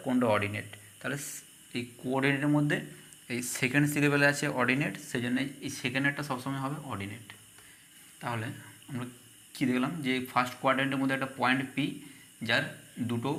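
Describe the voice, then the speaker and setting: A man's voice: mid-range voice, sharp tone. A man teaching a math lesson, asking questions and answering them himself.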